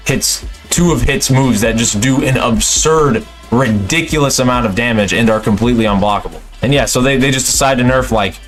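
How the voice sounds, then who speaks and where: A man's voice: medium pitch, a little fast. A young man in an unscripted, exasperated, profanity-laced rant about a video game, speaking as a gaming commentator. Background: music.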